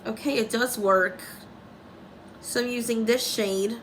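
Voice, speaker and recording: A woman's voice: on the high side, fairly even intonation, measured pace, a little hiss or hum, rough recording. A young woman talking through a casual makeup tutorial, rambling and commenting on herself, with dry sarcastic asides.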